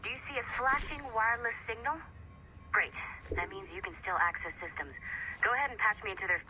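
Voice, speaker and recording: A woman playing a brisk, helpful technical colleague in a video game, giving informal, instructive guidance. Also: a little high, music in the background, natural voice, rough recording. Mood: instructive, encouraging. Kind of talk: video game tutorial acting.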